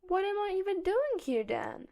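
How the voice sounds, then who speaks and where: A cheeky young man with mock innocence, as a woman reads him in a fan audiobook. The voice rides fairly high and the words come slow and deliberate. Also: gravelly, a little mellow, full character voice. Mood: joking. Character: young male informant, cheeky and joking.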